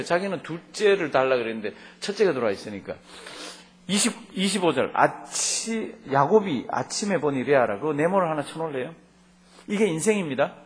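A man delivers a sermon in a fairly high, lively voice that rises and falls through each sentence. He reads scripture aloud and keeps turning to the congregation with questions. His volume shifts often between loud and soft. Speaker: pastor.

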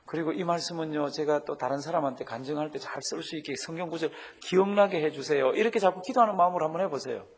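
A middle-aged man preaching a sermon on Bible reading, lively, asking the congregation questions and having them repeat after him. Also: on the high side, fast, hardly any pauses. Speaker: pastor.

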